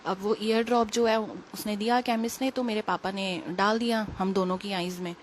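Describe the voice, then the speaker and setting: A young woman, a little unwell, telling a personal story in quick, rambling, casual talk full of fillers. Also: mid-range voice, fairly even intonation, a little hiss or hum. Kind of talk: casual spoken testimony.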